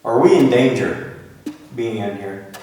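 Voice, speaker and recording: A man's voice: mid-range voice, expressive, a little slow, darkish tone, a little hiss or hum. A man on a ghost hunt inside an old jail, casually questioning and provoking spirits. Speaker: ghost hunter. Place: inside a historic jail, echoey rooms. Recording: echoey hall, distant mic, music behind.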